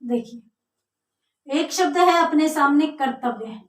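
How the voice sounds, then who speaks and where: A woman's voice: high-pitched, animated, takes it slowly, far from the mic. A woman teaching a grammar lesson, explaining step by step and answering her own questions. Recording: echoey room, voice from off mic.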